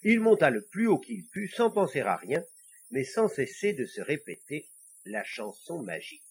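A man narrating a children's storybook, expressive and confiding asides to the listener. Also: a little high, moderate pace, vocal fry, husky.

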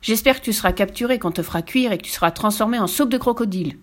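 A woman voicing a big, excitable hippopotamus who is outraged by the crocodile. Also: medium pitch, fast talker, voice pushed up, lightly acted. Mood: indignant. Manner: exclaiming, indignant.

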